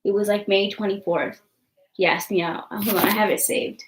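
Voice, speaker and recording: A woman's voice: medium pitch, steady tone, normal speed, echoey room, slight background noise, rough recording. Blunt, swearing young woman on a stream. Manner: blunt and defiant, swears freely; rambling, many likes and ums. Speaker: vlogger. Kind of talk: casual live-stream chat.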